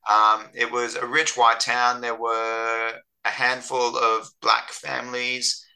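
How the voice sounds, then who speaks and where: A man's voice: mid-range voice, monotone, slow pace, gravelly, bright, forceful tone, low-quality recording. An Australian man with a slightly Americanized accent, chatting casually as a guest, full of fillers and restarts. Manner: hesitant, many fillers and restarts. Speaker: interview guest. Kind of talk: casual conversation.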